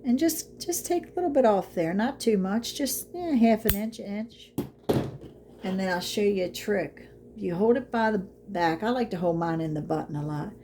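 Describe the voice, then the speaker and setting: A woman who is losing her voice talks at medium pitch and normal speed over background noise. In this casual how-to vlog she chats encouragingly through a craft tutorial, saying y'all a lot.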